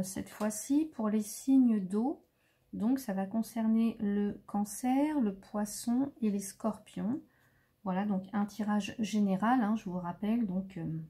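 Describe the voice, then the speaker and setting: A woman's voice: mid-range voice, dark tone. A French woman doing a casual tarot reading, hesitant and full of fillers, murmuring as she draws cards. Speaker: tarot card reader.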